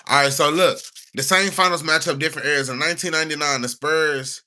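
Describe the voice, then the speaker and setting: A man's voice: fairly high pitch, fairly even intonation, fast, bright, forceful tone. A young man from the United States, talking casually on a livestream. He rambles in slang and sometimes reads stiffly from notes.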